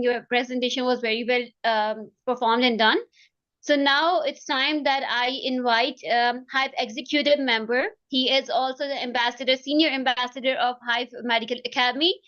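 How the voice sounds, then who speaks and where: Young woman from Pakistan hosting a webinar with a high voice. She speaks effusively and thankfully, with loose phrasing and lots of fillers. The sound is dull video-call audio. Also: fairly bright tone. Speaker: webinar moderator.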